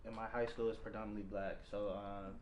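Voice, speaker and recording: Young man, easygoing panelist, quick and lowish, roomy sound. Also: level tone, highs cut off, a little hiss or hum. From Tennessee, United States. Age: young adult. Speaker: student panelist. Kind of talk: panel discussion answer.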